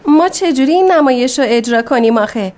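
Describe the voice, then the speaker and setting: A woman playing a sharp-tongued young woman in a dubbed TV drama, sassy and bickering. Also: sits high, animated.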